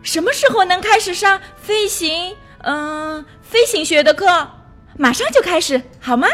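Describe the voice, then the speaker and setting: A woman voicing an eager, impatient little male frog in a children's storybook, exclaiming with bouncy excitement. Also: high voice, normal speed, faint music behind, voice pushed up.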